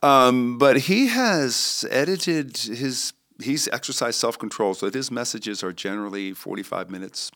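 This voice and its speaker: A man speaks in an easygoing podcast conversation about planning church services. His voice sits at a middle pitch, and he thinks aloud, often restarting his sentences and filling pauses as he goes. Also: expressive, fairly bright tone. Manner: thoughtful, rambling with restarts and fillers. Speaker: worship pastor.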